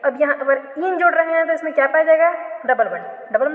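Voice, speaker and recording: A woman's voice: sits high, fast talker, phone-quality sound. A woman chemistry teacher giving a classroom lecture, asking questions and answering them herself, often repeating and correcting herself. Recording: echoey room, long reverb.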